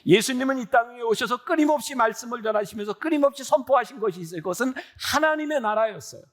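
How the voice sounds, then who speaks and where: A man's voice: very high voice, expressive, quick pace, fairly bright tone. A pastor in his sixties preaching a sermon in an earnest, conversational way, often asking the congregation questions. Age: 60s.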